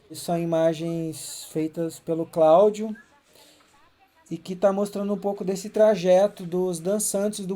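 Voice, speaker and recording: A man who is a filmmaker and journalism professor, calmly explaining his documentary on a commentary track. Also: sits high. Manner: calm, explanatory, with frequent "né".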